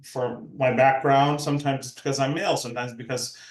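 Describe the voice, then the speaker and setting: Older male professor, reflective and measured, mid pitch, echoey room sound. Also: fairly even intonation. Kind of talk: academic discussion. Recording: roomy echo.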